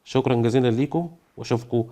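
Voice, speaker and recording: Man, Egyptian Arabic accent, engineering lesson, rapid delivery, casual explanation with fillers. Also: mid-range voice, dark tone. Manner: rapid, with frequent fillers and everyday comparisons. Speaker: engineering educator.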